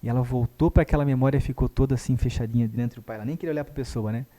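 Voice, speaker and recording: A man, a guest therapist telling a story in a lively way and acting out the dialogue. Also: mid-range voice, rapid-fire. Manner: animated, acts out dialogue. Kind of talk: conversational storytelling.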